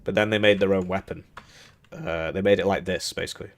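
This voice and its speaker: Commentating a live tournament match, this young host and caster rambles, jokes and chuckles between comments. His voice sits low, moving briskly with fairly even intonation.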